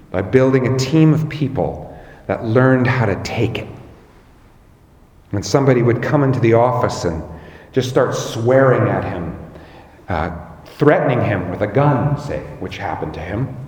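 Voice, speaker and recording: Man, pastor, measured sermon, roomy echo. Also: medium pitch, darkish tone. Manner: slow, measured preaching with emphatic rises.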